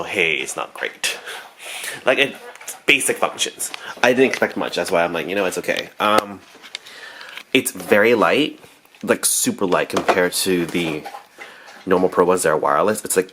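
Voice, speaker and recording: Casual deep-voiced man vlogging. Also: background noise. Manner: rambling, laughs often, self-correcting. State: congested from allergies. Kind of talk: casual chatty vlog.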